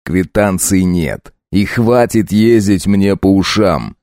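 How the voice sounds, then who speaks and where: A man's voice: fairly low pitch, animated, normal speed, mellow, dry recording, studio quality, close to an everyday voice. A man voicing a cold, mocking debt collector in an audiobook, speaking harshly. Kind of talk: audiobook reading.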